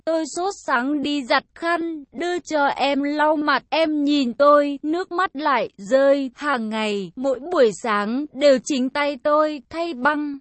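High-voiced woman reading a dramatic story. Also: no room sound. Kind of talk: reading a first-person love story aloud.

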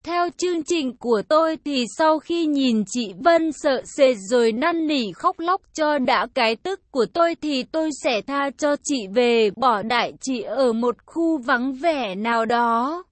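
A woman reading a first-person story aloud in a steady storytelling manner. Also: high voice, measured pace, few pauses, no room sound. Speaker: story reader.

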